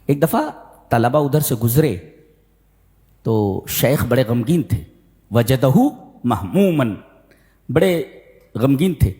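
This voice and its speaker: A man delivering a sermon in a hall with a long, ringing echo. His voice sits at an ordinary pitch but swings widely, climbing steeply whenever he drives a point home. He slows right down to recite scripture. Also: lively intonation, dark tone. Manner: emphatic storytelling, pitch climbing sharply when stressing a point. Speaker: Islamic scholar and preacher.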